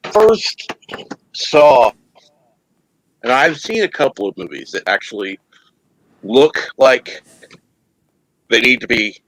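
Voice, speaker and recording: A man's voice: mid-range voice, low-quality recording. A man hosting a casual talk show, giving his opinions in an informal way. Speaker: talk show host reading chat comments.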